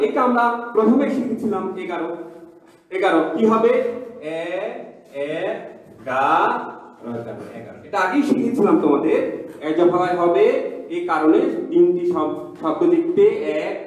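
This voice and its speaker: A male college teacher giving an online class lecture, explaining step by step, repeating himself and asking his students questions. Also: sits high. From Bangladesh. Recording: very echoey room.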